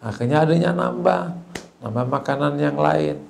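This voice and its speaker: A man giving a sermon, telling stories and acting out the children and a grandmother in squeaky raised voices. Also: big pitch swings, moderate pace, creaky, slight background noise. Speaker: preacher. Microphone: voice message recording.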